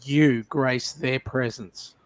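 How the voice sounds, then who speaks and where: A man from South Africa on a casual live-stream panel, teasing drily and pausing on ums. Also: mid-range voice, steady tone, a crowd in the background, low-quality recording. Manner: dry teasing, halting with ums.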